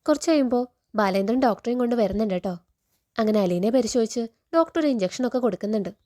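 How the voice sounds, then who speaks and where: Woman, Kerala Malayalam accent, serial recap storyteller; quick, chatty, mellow tone, slightly high. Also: expressive. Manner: chatty, adds a friendly particle to each sentence.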